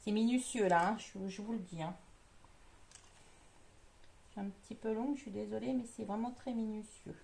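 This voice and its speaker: A woman's voice: medium pitch, steady tone, normal speed, creaky, pauses often, a little mellow. A woman chatting through a live card-making demo, explaining each step as she works and answering viewers.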